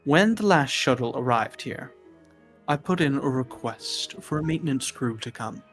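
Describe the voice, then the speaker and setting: A man's voice: mid-range voice, expressive, normal speed, soft background music, close to an everyday voice. Man playing a formal, officious company woman. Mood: indignant, formal. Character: female colony corporate representative, formal, curt, indignant.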